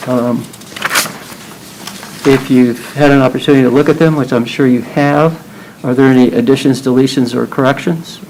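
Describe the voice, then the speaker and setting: A man chairing a board meeting, running nominations and votes in a polite, procedural, unhurried way. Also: mid-range voice, steady tone, darkish tone, slight background noise, poor audio.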